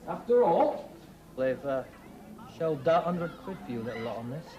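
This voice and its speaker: An actor playing a middle-aged schoolteacher, strict but joking, with an emphatic, lively delivery in a 1980s TV drama. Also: male voice, fairly high pitch, normal speed, muffled recording. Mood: stern, teasing. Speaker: schoolteacher briefing his pupils. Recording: roomy TV soundtrack with music behind.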